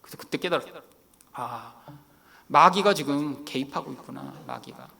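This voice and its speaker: Male pastor, middle-aged, from Korea, sermon storytelling, gravelly, bright forceful tone, animated. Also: mid-range voice, moderate pace. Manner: animated, acts out quoted lines, laughs while telling.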